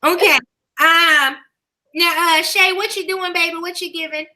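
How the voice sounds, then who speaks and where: A woman's voice: extremely high pitch, fairly even intonation, a little slow, pushed and bright, pitched above the performer's own voice, full character voice. A woman host voicing a folksy older church mother who reads announcements and calls everyone baby. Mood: excited. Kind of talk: live stream chat.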